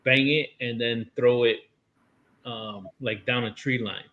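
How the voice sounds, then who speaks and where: A man's voice: mid-range voice, steady tone, slow. A man hosting a podcast, chatting casually and asking laid-back follow-up questions. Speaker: podcast host. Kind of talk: casual interview chat. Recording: dull lo-fi audio.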